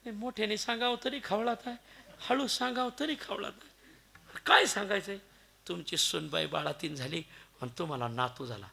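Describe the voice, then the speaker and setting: A man voicing a nervous male farmhand who mumbles his words hesitantly and quietly. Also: high voice, moderate pace, vocal fry, full character voice. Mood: timid.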